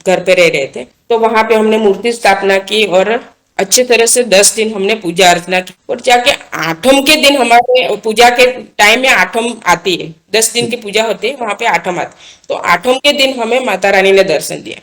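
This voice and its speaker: A woman guest with a somewhat high, slightly bright voice speaks at normal speed as she recounts a personal devotional experience. She's earnest and casual, often repeating and restarting her phrases along the way.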